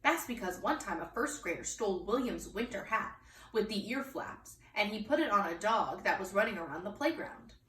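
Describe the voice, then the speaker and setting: Reading to kids at a normal speed, a woman with a medium-pitched, fairly bright and expressive voice narrates a storybook with emphatic delivery directed at her young audience. The recording is distant and echoey with a little noise underneath.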